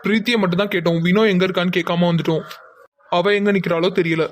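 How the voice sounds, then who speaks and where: A voice actor doing a bossy young cartoon guy, rapid-fire. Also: medium pitch, fairly even intonation, no room sound, lightly acted. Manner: bossy, commanding. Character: young man, bossy and protective.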